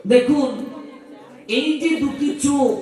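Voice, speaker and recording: A man with a Bangladeshi Bengali accent preaching a devotional sermon, asking rhetorical questions and chanting Sanskrit mantras slowly. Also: very high-pitched, a little mellow. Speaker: scripture reader and preacher. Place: open-air festival ground at an ashram. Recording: very echoey, distant PA sound.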